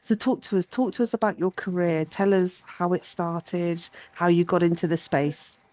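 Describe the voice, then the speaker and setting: A podcast host asking interview questions in brisk, friendly prompts. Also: medium pitch, fairly even intonation, a little mellow. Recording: slightly muffled audio.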